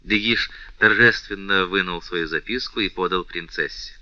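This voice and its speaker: A man narrating a novel as an audiobook reader, in an even, measured way, on a dull, dry recording. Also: low voice, no echo.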